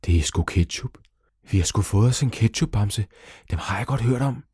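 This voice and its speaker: A man voicing a round, calm, grill-loving father who talks in a matter-of-fact way and swears mildly. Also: fairly low pitch, a little hiss or hum, natural voice.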